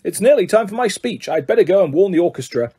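A man's voice: high-pitched, expressive, quick pace, mellow, breathy edge. A man voicing a proud, touchy ghost nobleman who speaks stiffly. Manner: stiff, dignified.

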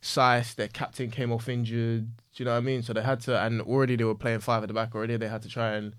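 A man's voice: medium pitch, level tone, fast talker, clean tone, no room sound, clean studio sound. A man with a London roadman accent chatting casually about football as a podcast co-host, using heavy street slang and repeating phrases for emphasis. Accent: London roadman, multicultural London English.

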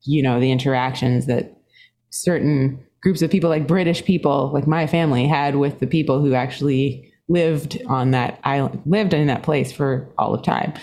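At an ordinary speed, she shares stories in a podcast interview where she appears as a guest musician. Singapore is her birthplace, and her talk is animated, punctuated by laughter and upward jumps in pitch.

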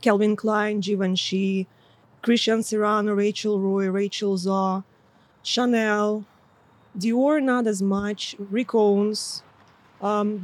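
A woman's voice: medium pitch, a little mellow. A woman in her thirties from Ukraine chats as a guest on a podcast. She talks in a loose, unpolished way, laughs often and swears freely. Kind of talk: casual podcast chat.

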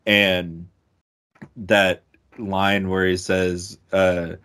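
A young man with a very low, deep voice talks in loose podcast chat. He gushes and curses freely, restarting sentences as he goes. His speech is full of fillers and quick bursts of enthusiasm. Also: clean tone. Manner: excitable, swears a lot, stumbles over words. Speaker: podcast co-host. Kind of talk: casual music podcast chat.

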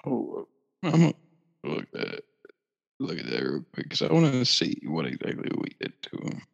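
A man's voice: deep voice, huge pitch swings, moderate pace, vocal fry. A man co-hosting a casual sports podcast, laid-back, swearing and laughing as he talks. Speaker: podcast co-host. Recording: roomy echo, dull lo-fi sound.

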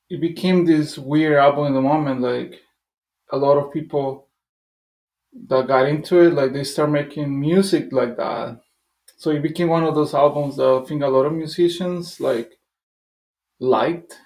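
A man's voice: fairly high pitch, a little mellow, echoey room. A man from Costa Rica, a musician guest, talking loosely and eagerly in a casual interview. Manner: loose and enthusiastic, full of "like" and "dude".

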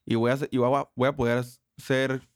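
A man's voice: mid-range voice, little pitch movement, normal speed, clear, resonant tone, no room sound. Slangy young northern Mexican man, dry recording. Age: young adult. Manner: profane, heavy street slang. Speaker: interview guest. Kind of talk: casual slangy chat.

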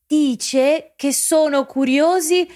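A woman's voice: high-pitched, slow pace, a little mellow. A woman voicing a patient unborn girl in a children's fairy-tale audio play. She coaxes the boy and relays what an unseen voice says. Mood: coaxing, quarrelsome.

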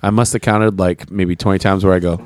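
A man co-hosting a casual podcast, blunt and low-key, cracking crude jokes. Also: little pitch movement, brisk, a crowd in the background. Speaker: podcast co-host. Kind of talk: casual chat.

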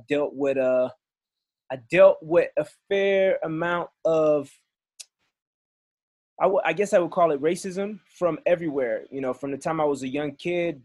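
A man's voice: fairly high pitch, a little mellow, dry recording, studio quality. Easygoing man. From Belgium and Congo. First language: French. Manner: friendly, easygoing storytelling. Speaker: guest musician. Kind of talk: casual podcast chat.

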